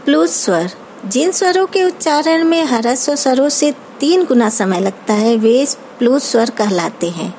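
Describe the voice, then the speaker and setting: A woman teacher with an Indian accent giving an online grammar lesson, explaining terms slowly and carefully, as if dictating. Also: high-pitched, animated, darkish tone, a little hiss or hum, poor audio. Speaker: school teacher.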